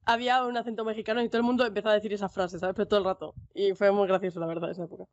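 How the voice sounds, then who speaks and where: A young woman with a Spanish accent talks fast and chattily about her streaming. The sound is a bit dull and lo-fi, with no room echo at all. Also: mid-range voice, level tone. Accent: Spain Spanish. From Spain. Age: young adult. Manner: quick chatty talk with frequent "en plan" and "sabes". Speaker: streamer guest. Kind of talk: casual podcast chat.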